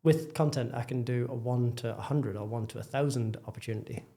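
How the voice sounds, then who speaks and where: His medium-pitched, mellow voice carries some vocal fry and fairly even intonation, and he talks fairly quickly. He's a Geordie property developer from northeast England, candid and self-deprecating as a guest in a casual podcast interview.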